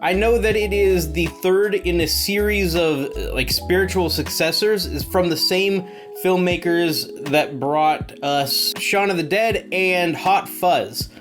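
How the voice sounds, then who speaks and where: A man's voice: sits high, measured pace, a bit bright, soft background music. Chatty man hosting a reaction video. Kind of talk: casual reaction commentary.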